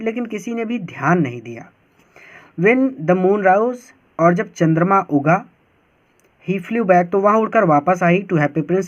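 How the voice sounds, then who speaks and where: A high-pitched man works through a textbook chapter line by line, reading each English phrase slowly before he explains it quickly in Hindi. His measured, unhurried delivery is captured on a dull, lo-fi recording. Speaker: teacher. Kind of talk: line-by-line textbook translation lesson.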